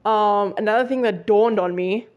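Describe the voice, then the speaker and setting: A woman's voice: mid-range voice, moderate pace, a little mellow, muffled recording. A young woman of nineteen hosting a solo podcast, chatting casually with many fillers and self-corrections. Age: young adult. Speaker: podcast host.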